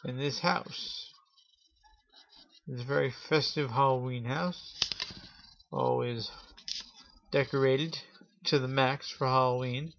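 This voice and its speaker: A slow-speaking man, host of a Halloween story show, tells spooky tales to an audience in a theatrical showman style with long, drawn-out pauses. His voice is medium in pitch, steady and slightly bright. The lo-fi audio sounds dull and carries noticeable noise.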